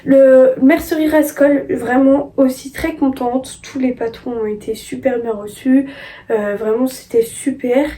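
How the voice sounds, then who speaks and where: High-voiced young woman, hesitant. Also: fairly even intonation, unhurried, dark tone. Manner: hesitant, many fillers and restarts. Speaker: sewing vlogger. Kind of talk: casual haul chat.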